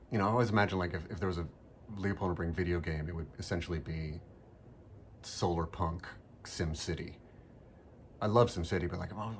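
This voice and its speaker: Deep-voiced man rambling about his novel. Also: slight background noise. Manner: rambling, swearing, self-interrupting. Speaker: graphic novel creator. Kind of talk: casual monologue and reading aloud.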